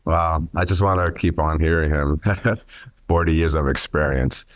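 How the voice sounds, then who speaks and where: Deep voiced new york guy on a panel, chill and friendly, dry close sound. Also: fairly even intonation, a little slow, dry recording. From New York City, USA. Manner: casual, friendly, many fillers. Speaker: panel speaker, mortgage lender. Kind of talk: public speech at a symposium.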